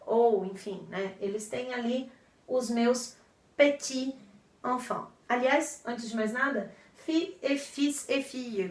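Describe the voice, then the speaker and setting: A woman's voice: a little high, fairly bright tone, reverberant. Woman, teacher, patient explainer, repeats and checks in, mic a bit far off. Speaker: French teacher. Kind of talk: explaining vocabulary to viewers. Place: indoor room in front of a board.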